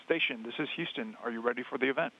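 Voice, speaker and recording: A man's voice: medium pitch, very fast, vocal fry, bright, forceful tone. A man working as a mission control communicator, giving clipped, procedural callouts over a radio link. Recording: muffled, band-limited radio link.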